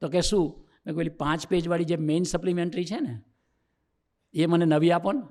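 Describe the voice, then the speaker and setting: A man with a Gujarati accent, his voice sitting slightly high, preaches to a youth gathering. He tells his own stories, acts out the back-and-forth dialogue, and builds to emphatic points. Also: fairly quick, a little mellow. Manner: storytelling, acting out dialogue, rising to emphatic preaching. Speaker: swami giving a youth discourse. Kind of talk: sermon told as a personal story.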